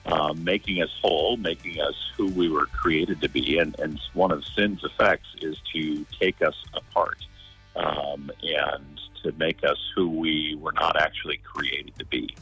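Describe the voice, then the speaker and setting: A man in his forties chatting on a radio show and reading scripture, thoughtful and halting, with frequent restarts. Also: rumbling low, steady tone, bright, forceful tone, slightly rough, faint music behind, low-quality recording. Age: 40s. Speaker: pastoral commentary writer and co-host.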